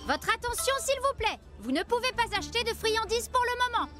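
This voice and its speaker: A woman voicing a young male police puppy who makes a formal public announcement through a megaphone loudspeaker. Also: very high voice, expressive, brisk. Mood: announcing. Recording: distant megaphone over loud game music.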